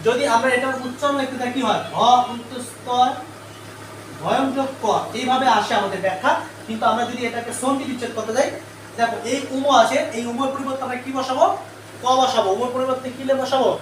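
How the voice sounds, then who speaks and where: In an extremely high, fairly bright voice with fairly even intonation and a quick pace, a man teaches a live online grammar lesson. He keeps quizzing students with repeated questions, then answers them himself, captured far off-mic in an echoey room with faint noise.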